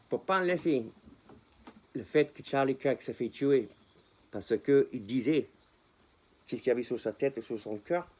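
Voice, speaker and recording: With a mellow, mid-range voice, a man vlogs casually to camera in French, his accent clearly non-native. He talks passionately, repeats himself, and slips English words into his speech.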